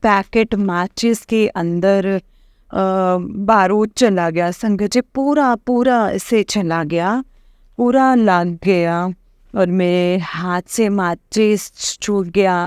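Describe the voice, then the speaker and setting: A woman's voice: medium pitch, slow pace, a little mellow, clear, resonant tone, dry recording, studio quality. A woman telling a rambling personal testimony to a congregation, full of hesitant fillers and repeated address to her listeners. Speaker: devotee sharing a testimony.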